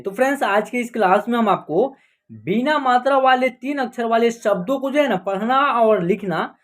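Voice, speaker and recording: A man teaching a Hindi reading lesson, patiently spelling out each letter and word. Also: extremely high pitch. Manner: patient, repetitive, spells words out slowly.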